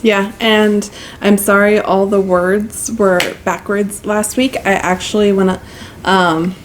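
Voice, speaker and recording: Chatty, giggly woman co-host at home, mid-pitch, phone mic with faint background hiss. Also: flat delivery, slow. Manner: chatty, giggly, lots of ums. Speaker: co-host of a cross-stitch channel. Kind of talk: casual chat. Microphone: mic plugged into a phone.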